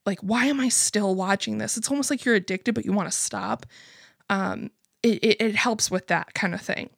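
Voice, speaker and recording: A woman's voice: mid-range voice, moderate pace, vocal fry, no room sound, clean studio sound. A young adult woman hosting a podcast, telling a story in a rambling casual chat full of swearing and laughs. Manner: profane, rambling, laughs often. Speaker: podcast host.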